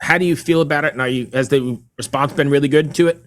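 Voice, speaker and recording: A man hosting a casual interview, informal and a little halting as he sets up questions. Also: fairly high pitch. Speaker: podcast host.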